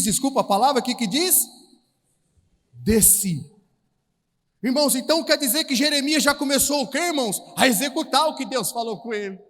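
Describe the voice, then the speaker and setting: A man with a Brazilian Portuguese accent preaching a charismatic sermon at a retreat, animated, calling out to the brothers and acting out Bible scenes in slangy everyday voices. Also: very high voice. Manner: calls out to the audience, repeating "irmãos". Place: large hall at a retreat. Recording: reverberant hall sound.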